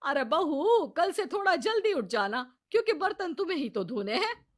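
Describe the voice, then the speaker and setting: A woman's voice: very high voice, sing-song, moderate pace. A woman playing a bossy, scolding mother-in-law who orders her daughter-in-law around. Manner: scolding, commanding.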